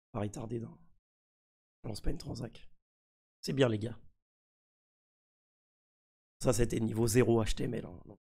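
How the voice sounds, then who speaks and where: A man with a husky, gravelly voice, sick, giving casual live commentary as a mischievous streamer. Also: on the low side, warm tone. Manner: mischievous, trolling his community. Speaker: streamer presenting a crypto NFT project.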